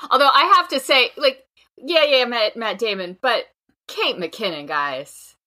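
Bright-voiced woman, laughing and emphatic. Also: on the high side, very animated, unhurried. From Maryland. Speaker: podcast co-host. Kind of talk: casual political debate chat.

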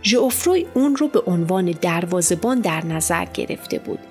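A woman narrates a children's storybook in the first person as a schoolboy, reading in a lively, expressive way. Her voice sits on the low side, with faint music playing underneath. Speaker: audiobook narrator.

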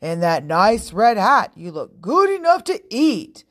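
A woman's voice: medium pitch, very animated, unhurried, a bit bright. A woman voicing a hungry, sly male red fox in a children's story, with a silky, teasing menace.

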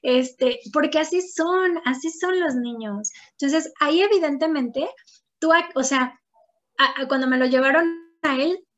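A woman's voice: high-pitched, unhurried. A woman, a psychologist explaining things in a chatty way, with anecdotes and frequent tag questions. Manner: talkative, acts out quoted voices, frequent "¿no?". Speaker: psychologist guest. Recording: dull lo-fi sound.

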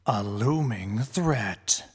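A man voicing a dramatic movie-trailer announcer, drawn out slowly for a podcast intro. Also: fairly low pitch, animated, very noisy. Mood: ominous. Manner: slow, drawn-out trailer delivery.

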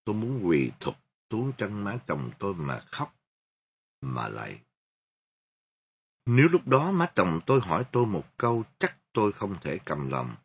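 Male audiobook reader, first-person story narration, low husky voice, lively pitch. Lo-fi, muffled recording. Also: a little slow, long pauses. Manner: emotive reading, restarts with "read again". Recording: dull lo-fi recording.

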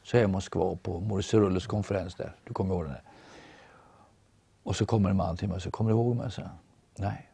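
Man, Norwegian native, gravelly, dark low voice, testimony, dry sound. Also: long pauses, dry recording. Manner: animated storytelling, voices others in quotes. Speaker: guest storyteller.

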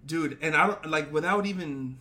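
A man's voice: fairly high pitch, moderate pace, heavy background noise. A young man co-hosting a podcast in casual chat, talking in a rambling, laid-back way full of slang and fillers. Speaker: podcast co-host.

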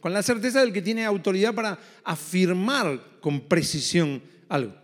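A man's voice: sits high, normal speed, big-room sound. A male pastor preaching a sermon in an emphatic way, repeating key phrases.

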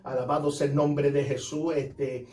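A man's voice: medium pitch, level tone, measured pace, mellow. A man, a pastor, giving a fervent testimony on a radio program and repeating praise phrases after nearly every sentence. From United States. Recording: roomy sound, distant mic.

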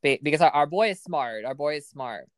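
Chatty low-voiced woman podcast host. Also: animated, brisk, no echo. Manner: chatty, heavy use of "like". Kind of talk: casual film review chat.

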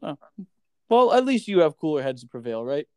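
Smooth-voiced man telling a podcast story. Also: a little high, fairly quick, no echo, clean studio sound. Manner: swears casually, tells stories with lively quoted asides. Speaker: podcast co-host. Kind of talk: casual podcast chat.

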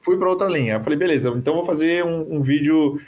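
Slightly high-voiced Brazilian man in casual interview. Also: fast talker, a little mellow. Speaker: podcast guest, video creator.

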